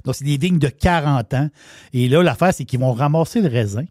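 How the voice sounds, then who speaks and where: A man's voice: on the high side, a little fast, a little mellow, no room sound, clean studio sound. A man with a Québécois French accent giving a wine segment on a radio show, in enthusiastic, rambling casual chat with many restarts. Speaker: wine columnist.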